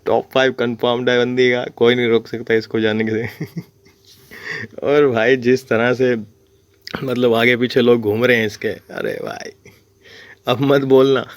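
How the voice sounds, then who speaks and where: A man's voice: medium pitch, little pitch movement, measured pace, long pauses, no room sound. A young man giving casual commentary on a reality show, chuckling constantly and teasing the contestants.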